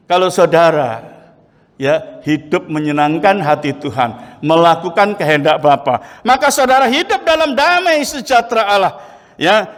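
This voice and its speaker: High-voiced pastor preaching. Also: male voice. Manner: folksy storytelling, frequent "ya" fillers, sudden high exclamations. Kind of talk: sermon. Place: church sanctuary. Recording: church hall reverb.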